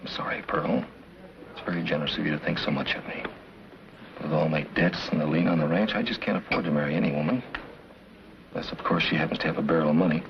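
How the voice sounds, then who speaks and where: An actor playing a cool, mercenary rancher man in debt, smooth and offhand. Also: very deep voice, fast. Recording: dull 1950s TV soundtrack with faint hiss.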